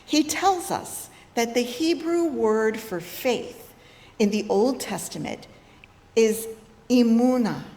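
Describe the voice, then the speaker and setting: Slow, reflective woman giving a sermon. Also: fairly high pitch. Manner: slow, reflective, rising to loud braying calls. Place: fellowship hall. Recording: long reverb of a hall.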